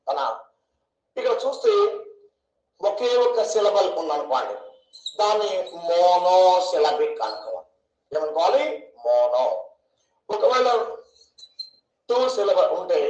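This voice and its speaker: A man's voice: high voice, a little mellow. A man teaching an English grammar lesson in an online class, asking questions and answering them himself and stretching words out syllable by syllable. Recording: echoey room.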